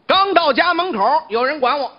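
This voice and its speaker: A man's voice: very high voice, lively intonation, normal speed, muffled recording. A man with a Beijing accent performing stage crosstalk comedy, telling boastful, playful stories in a banter exchange. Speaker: crosstalk comedian, lead teller. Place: theater stage.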